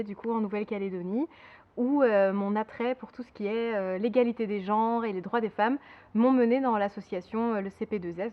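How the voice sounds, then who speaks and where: In a dull-sounding recording, a medium-pitched woman in her twenties from Belgium responds to an interviewer, often restarting and using fillers. She heads a sexual health association.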